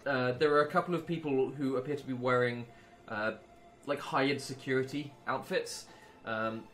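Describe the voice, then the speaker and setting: A man's voice: medium pitch, steady tone, moderate pace, fairly bright tone. A man narrating as game master of a tabletop game, hesitant, with many ums and self-corrections.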